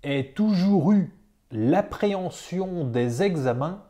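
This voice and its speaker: A teacher reading a dictation aloud, saying each phrase several times with careful, deliberate phrasing and calling out the punctuation. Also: medium pitch, expressive, warm tone.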